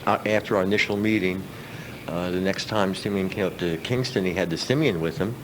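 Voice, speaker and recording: A middle-aged musician, guesting on a radio interview in a radio studio, casually tells stories in a low, fairly quick voice. The recording is a noisy old radio aircheck.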